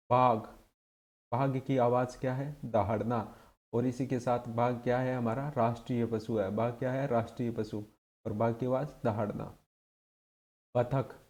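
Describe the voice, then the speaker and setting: A man's voice: mid-range voice, mellow. A man teaching an exam-prep lesson, drilling his points by asking questions and answering them himself.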